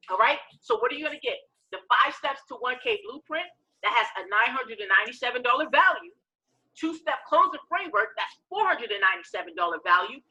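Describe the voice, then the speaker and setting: A woman giving a live sales training pitch as presenter, emphatic and repetitive, checking in with listeners with short questions. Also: pushed and bright, rough recording.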